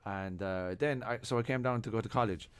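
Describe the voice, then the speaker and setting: A man with an Irish accent, a podcast guest in casual chat, telling lively stories and quoting others with sudden bursts of energy. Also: lowish voice, a little fast, clear, resonant tone. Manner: animated storyteller, quotes others in lively bursts. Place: music studio.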